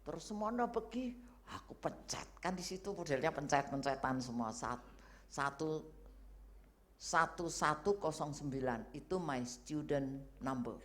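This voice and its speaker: Woman, middle-aged, evangelist, sermon, animated storytelling, loud-to-hushed swings, English phrases mixed in. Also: sits low, a little slow. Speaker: evangelist preacher.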